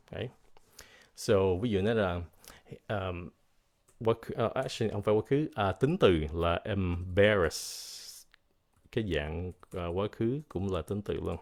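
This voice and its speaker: An American man teaches English vocabulary in a bilingual lesson, moving between English and Vietnamese. He explains words slowly and repeats pronunciations, his voice low-pitched and a little mellow.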